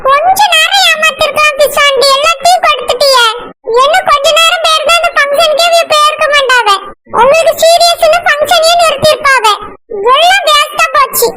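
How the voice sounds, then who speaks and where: A performer voicing a frantic servant woman in a cartoon who shouts and scolds in exasperation. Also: very high voice, fairly even intonation, brisk, heavy background noise. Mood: exasperated.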